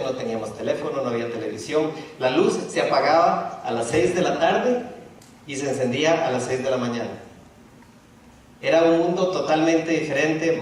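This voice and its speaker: A man's voice: on the high side, slight background noise. A middle-aged man from Ecuador giving a public lecture in a university auditorium, speaking hesitantly with frequent restarts and fillers. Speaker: speaker presenting a talk. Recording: echoey hall, distant from the mic.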